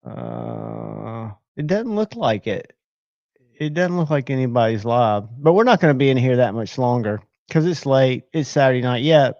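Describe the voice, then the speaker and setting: A man's voice: medium pitch, a little mellow, no echo. Guy rambling on his live stream, kinda muffled lo-fi sound, dry. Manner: rambling, talks to himself while checking screens. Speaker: livestream host. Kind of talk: casual live-stream chat.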